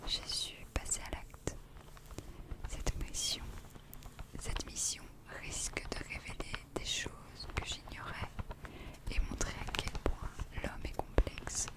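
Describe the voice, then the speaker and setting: Young woman in a hushed library whisper. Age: young adult. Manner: slow, deliberate delivery with pauses. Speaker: ASMR creator. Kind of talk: whispered ASMR story reading. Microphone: close desk microphone, headphones on.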